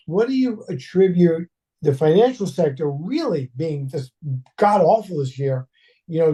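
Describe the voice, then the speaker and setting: Dark-toned man casually quizzing his co-host. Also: high voice, breathy edge. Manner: conversational, asks questions, wry asides. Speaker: co-host, financial advisor. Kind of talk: casual market discussion.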